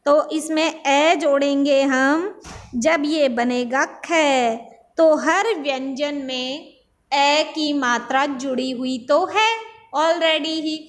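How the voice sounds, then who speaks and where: Slow, high-voiced woman teacher. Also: fairly even intonation. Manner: slow, patient, asks and answers her own questions. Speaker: primary school teacher. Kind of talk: online class lesson. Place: Nagaur region, India.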